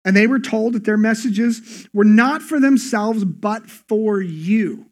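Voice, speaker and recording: A man's voice: sits high, slow pace, darkish tone. A male pastor preaching a sermon in an earnest, conversational way. He often repeats words as he starts his phrases.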